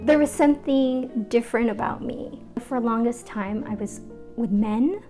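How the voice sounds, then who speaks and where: A woman's voice: a little high, moderate pace, over music. A woman from the Philippines talking candidly and reflectively in a documentary interview, telling personal stories in a casual way. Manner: candid and conversational, reflective, with fillers and laughs. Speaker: interviewee, arts organizer.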